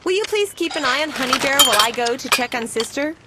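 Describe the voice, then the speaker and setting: A woman voicing a caring, busy mother bear in a storybook, speaking gently and soothingly. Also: high voice, lively intonation, fast, very noisy, pitched above the performer's own voice. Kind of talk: storybook character voice.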